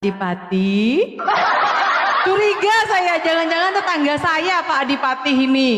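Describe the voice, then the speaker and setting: A woman's voice: sits high, animated, unhurried, reverberant, long reverb tail, heavy background noise. A woman from Madura, chatting casually on a live stream, laughing often and answering viewers by name. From Madura, Indonesia. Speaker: live-stream host giving testimony.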